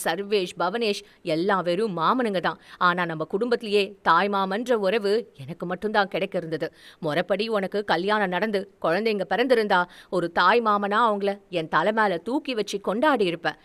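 A woman voicing a furious, heartbroken elder brother who shouts, scolds and gives orders. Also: high-pitched, lively intonation, a little fast. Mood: bitter grief. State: tearful.

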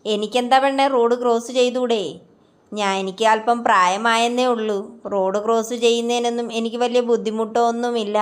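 A woman's voice: on the high side, steady tone, close to an everyday voice. A woman doing a stubborn old grandfather. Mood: brushing off. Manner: brisk, dismissive. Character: stubborn old grandfather, proud of his strength.

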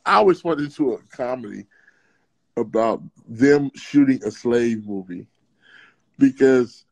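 A man who is a podcast guest, telling stories in casual chat and acting out quotes in high voices. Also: darkish tone, slightly rough.

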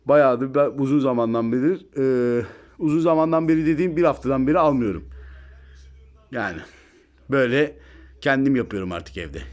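Chatty man filming his cat at home. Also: on the high side. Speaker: pet vlogger. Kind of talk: casual home video chat. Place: home, indoors.

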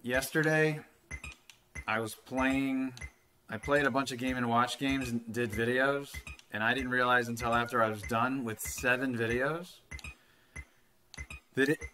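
Here the retro gaming host, a man in his thirties, talks loosely over a retro handheld game from his home desk mic, swearing every so often. He sounds mid-range and fairly even, unhurried, pausing often, with a sharp tone.

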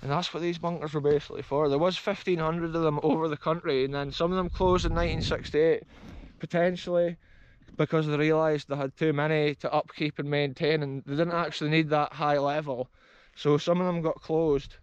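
The speaker is a Scottish man in his thirties, an explorer vlogger giving eager walking-tour commentary in an open grassy field while holding an action camera close. He's enthusiastic and calls his viewers "folks," talking a little fast in a clear, resonant voice on the high side with little pitch movement. The recording is dry, with the highs cut off.

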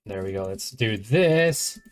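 A man's voice: lowish voice, animated, takes it slowly. A man chatting playfully while streaming a social deduction game, joking with other players. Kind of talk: casual gameplay chat.

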